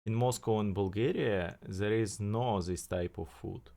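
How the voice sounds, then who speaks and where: A man's voice: on the low side, measured pace, creaky, dark tone. A streamer, a man commenting bluntly in broken. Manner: broken non-native English, blunt. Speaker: streamer reacting to a video.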